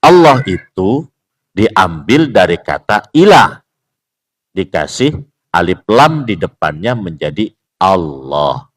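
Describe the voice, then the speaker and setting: A man giving a relaxed religious lesson at a mosque, joking with the congregation, asking rhetorical questions and slowly sounding out words to show how they are pronounced. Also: on the low side. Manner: acts out pronunciations, repeating words slowly. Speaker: mosque teacher. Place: mosque at dawn study session.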